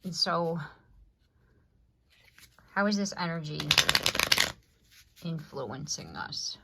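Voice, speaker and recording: Low-voiced woman doing a casual tarot reading. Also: animated, slow pace, heavy background noise. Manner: rambling, conversational, frequent "you know what I mean". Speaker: tarot reader.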